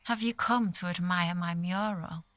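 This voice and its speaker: An actress playing a wistful, secretive mural painter in a video game, fond and teasing. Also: female voice, lowish voice, noisy background, natural voice. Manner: fond, teasing, slow and dreamy.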